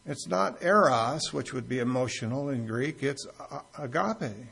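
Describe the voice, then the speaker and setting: Male pastor, gravelly voice, husky tone, conversational sermon, light humor with the congregation, church setting. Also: mid-range voice, lively intonation, a little slow, a bit bright. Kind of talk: expository sermon with anecdotes.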